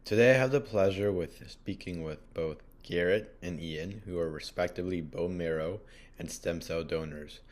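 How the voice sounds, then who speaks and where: A man's voice: low voice, moderate pace. A man hosting an interview, giving a prepared, polite introduction. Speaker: interviewer, host.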